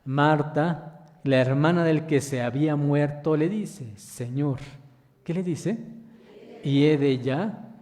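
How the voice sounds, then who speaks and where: A man minister delivers a sermon in a church, his voice ringing with a long reverb. His tone is mellow and sits a little high for a man. He reads scripture, then turns to ask the congregation questions, calling them brothers. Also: takes it slowly. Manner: addresses listeners as brothers.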